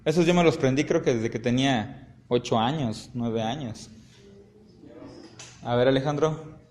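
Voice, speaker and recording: A man's voice: mid-range voice, moderate pace, darkish tone. A man teaching an interactive Bible study class, often quizzing his students and checking in with "¿ok?". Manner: asks the class frequent questions, ends points with "¿ok?".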